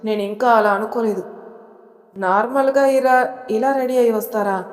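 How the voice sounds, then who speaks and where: A woman's voice: fairly high pitch, normal speed, echoey room, long reverb tail, natural voice. A woman voicing a shy, innocent young bride who pleads anxiously, in a storybook audio tale. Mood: pleading.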